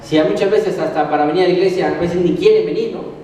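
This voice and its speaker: Mexican male preacher, high and mellow, rhetorical-question sermon, distant mic with heavy hall echo. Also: quick pace, a little hiss or hum. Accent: Mexican Spanish. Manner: asks the congregation questions and answers them. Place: church hall.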